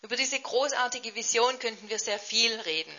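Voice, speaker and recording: A woman reading scripture in a measured, solemn way, then interpreting a sermon. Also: a little high, bright, forceful tone. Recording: muffled lo-fi.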